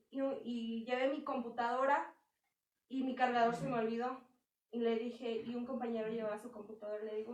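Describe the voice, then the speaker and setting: Young woman, conversational sermon, high pitch, roomy hall sound. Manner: conversational preaching with acted quotes. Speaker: church speaker. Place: church hall. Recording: echoey hall from far off.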